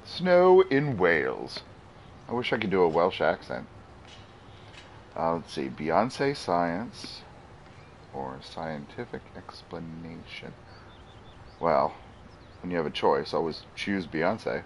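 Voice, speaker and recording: A man's voice: low-pitched, animated, slow pace, pauses often, slight background noise. A man streaming a video game, making playful, jokey asides in casual commentary. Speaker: livestream gamer. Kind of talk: casual let's-play commentary.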